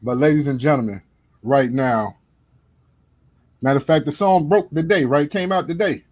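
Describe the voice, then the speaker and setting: Husky guy host, quick mm-hmms and jokes, casual interview. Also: on the high side, a little mellow. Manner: brief backchannels and laughing asides.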